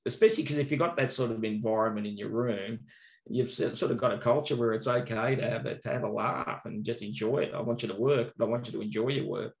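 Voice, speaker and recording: A man's voice: lowish voice, gravelly. An Australian man, a teacher, telling casual anecdotes in an interview, laughing often and swearing freely. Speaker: teacher and maths trainer. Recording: roomy echo.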